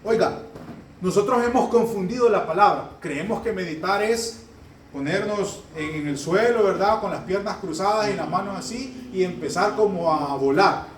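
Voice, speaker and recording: A male pastor preaching a fast, joking, conversational sermon that swells into loud, high emphatic bursts. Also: a little hiss or hum. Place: church sanctuary. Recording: echoey hall, heard from a distance.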